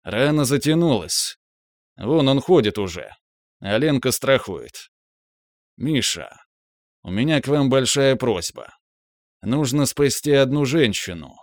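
A man voicing a troubled older male security officer who speaks in a muffled, halting way. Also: mid-range voice, lively intonation, dry recording, clean studio sound. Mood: strained.

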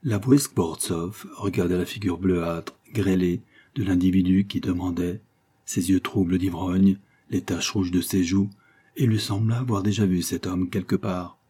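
A man reading a short story aloud in a slow, measured way. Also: sits low, fairly even intonation, warm tone, husky. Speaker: narrator.

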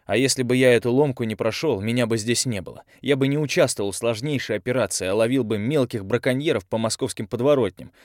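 A man's voice: medium pitch, fast talker, hardly any pauses, no room sound, clean studio sound, voice pushed up, close to an everyday voice. A male audiobook reader voicing an irritable, aggressive young man who works as a magic operative. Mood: heated. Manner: aggressive, exasperated.

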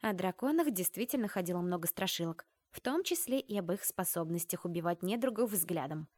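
A woman's voice: lowish voice, lively intonation, fairly quick, darkish tone, no echo. A woman narrating a first-person fantasy audiobook in a wry, conversational way.

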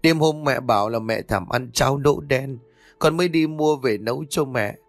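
A man's voice: mid-range voice, moderate pace, no echo, soft background music, natural voice. A man voicing a deceitful daughter-in-law who pleads in a choked, wailing voice.

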